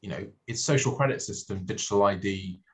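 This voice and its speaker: Deep-voiced halting man from Hong Kong. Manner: halting, many restarts and fillers. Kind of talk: casual podcast discussion.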